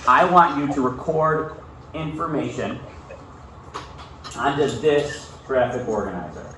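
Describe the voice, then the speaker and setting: A male school teacher with a mid-range, slightly slow voice teaches a class, reading aloud and often checking in with short questions. The room is echoey, he is far from the mic, and there is faint noise.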